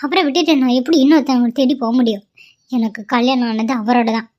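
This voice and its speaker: A woman's voice: on the high side, quick pace, lo-fi sound, close to an everyday voice. A woman voicing a stubborn, devoted young wife in a cartoon, pleading and insistent. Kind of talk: cartoon voice acting.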